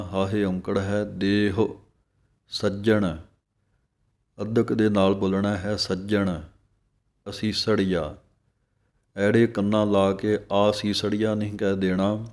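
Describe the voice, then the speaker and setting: Man with a Punjabi accent, low flat voice, teaching recitation at a very slow pace. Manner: slow, drawn-out recitation alternating with explanation. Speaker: religious teacher. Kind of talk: slow pronunciation lesson.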